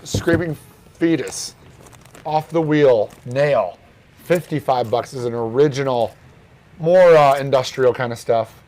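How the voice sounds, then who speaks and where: A relaxed man hosts a record shop's morning show. He talks through one record after another, naming prices in an easy, offhand way at a middling pitch. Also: a little slow, a little hiss or hum. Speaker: record store host. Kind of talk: casual show-and-tell.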